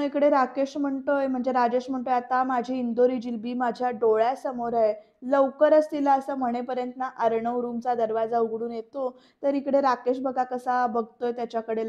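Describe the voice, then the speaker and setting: A woman's voice: fairly high pitch, mellow, dull audio. A woman narrating a dramatic recap of a TV serial episode, talking straight to viewers and acting out the characters' lines with emphasis.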